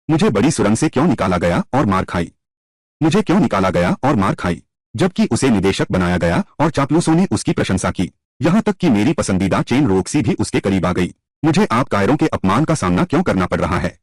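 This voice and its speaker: A man's voice: on the low side, dry recording. A man reading all the parts of a dubbed drama in one voice, switching between scornful taunts and pleading.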